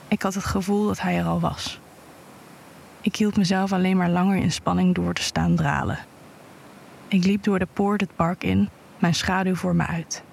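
A woman reading an intimate erotic story aloud in a hushed voice that often drops to a whisper. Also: on the low side, vocal fry, slight background noise. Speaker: narrator.

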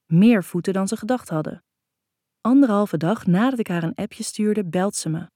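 A woman's voice: mid-range voice, normal speed, warm tone, no echo, studio quality. A woman narrating a first-person novel in an intimate, reflective way. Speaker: audiobook narrator.

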